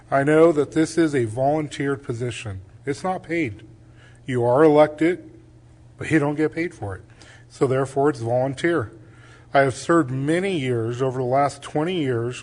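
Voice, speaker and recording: A man's voice: mid-range voice, a little mellow. A man giving a closing statement as a school board candidate, earnest and listing his qualifications in short phrases.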